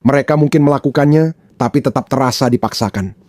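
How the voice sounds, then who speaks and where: A man from Pakistan delivers pointed commentary in a mellow, relaxed tone. He stresses his points by repeating them, and the dry recording has no room sound. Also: medium pitch, fast, no room sound. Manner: emphatic, repeats points for effect. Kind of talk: opinionated commentary.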